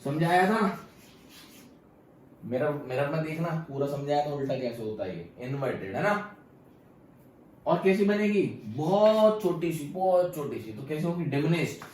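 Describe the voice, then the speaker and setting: A man teaching a physics class, firing quick questions at students and answering them himself. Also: fairly high pitch, animated, a little hiss or hum. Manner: quizzing students with rapid questions. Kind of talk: classroom lecture. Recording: very echoey room, far from mic.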